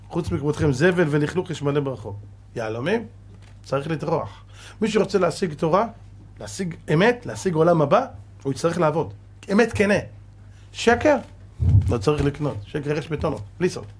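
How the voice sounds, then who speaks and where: A rabbi preaching a fervent sermon. His voice sits somewhat high for a man, and he drives his points home with rhetorical questions and sudden loud outbursts. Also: breathy edge.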